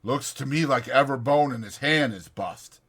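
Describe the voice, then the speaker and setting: A fair-minded, authoritative male ranch hand as a man reads him in a dramatized audiobook. He talks in a folksy, firm way with a bright, forceful tone. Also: mid-range voice, moderate pace, breathy edge, voice pushed up. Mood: grave, decisive.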